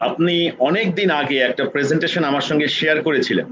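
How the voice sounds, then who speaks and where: A man's voice: a little high, fast, fairly bright tone. A man moderating a live online training session, polite and hesitant with many fillers, heard over a video call. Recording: dull lo-fi call audio with faint noise.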